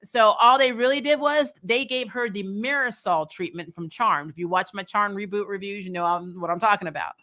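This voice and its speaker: Speaking fairly quickly with few pauses, the woman hosting this TV recap has a mid-range voice and a bright, forceful tone. She replies to live comments in a casual, blunt way, voicing strong, exasperated opinions with plenty of swearing.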